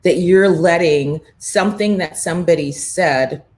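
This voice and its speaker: A woman's voice: lowish voice, unhurried, a little mellow. A woman hosting a morning show, giving an emphatic motivational talk with faith references. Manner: emphatic, preachy, with faith references and quoted inner voices. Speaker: morning show host, brand coach. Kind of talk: motivational live-stream talk.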